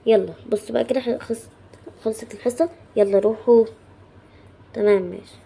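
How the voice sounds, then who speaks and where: A woman voicing a bossy schoolteacher who calls out commands to the class loudly. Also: mid-range voice, fairly even intonation, rapid-fire, vocal fry. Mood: commanding. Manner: loud, commanding.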